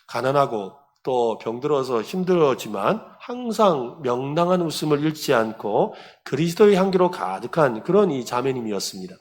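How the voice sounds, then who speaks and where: A man's voice: mid-range voice, moderate pace, hardly any pauses. A man, a pastor, preaching a sermon and telling stories, often asking the congregation questions. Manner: animated storytelling, asks the congregation questions.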